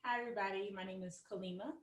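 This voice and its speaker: A woman's voice: mid-range voice, steady tone, rapid-fire, a little hiss or hum. A woman in her thirties co-hosting a casual podcast chat, laughing often and repeating herself as she thinks. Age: 30s. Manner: laughing, repetitive, with fillers. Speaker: podcast co-host. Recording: echoey room.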